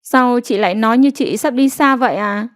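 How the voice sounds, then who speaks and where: A woman voicing a frightened little village girl with high, tearful pleading. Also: moderate pace, close to an everyday voice. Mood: anxious.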